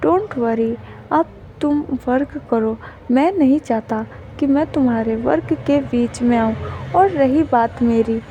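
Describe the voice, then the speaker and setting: A woman voicing a shy, innocent young man who speaks softly and sweetly in a storybook narration. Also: high voice, takes it slowly, lo-fi sound, slight background noise. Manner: soft, sweet, pleading.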